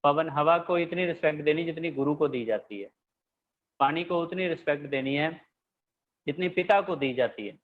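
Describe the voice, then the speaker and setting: A man with a somewhat high voice explains things calmly as an interview guest on a video call. His audio comes through a thin, phone-like line, and it keeps breaking up and cutting out. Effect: choppy call audio breaking up.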